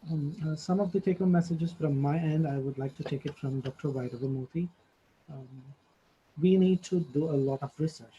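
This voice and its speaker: A man speaking as a panelist in a discussion, hesitant and pausing on many filler sounds, over dull lo-fi audio. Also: a little high, dark tone, slight background noise.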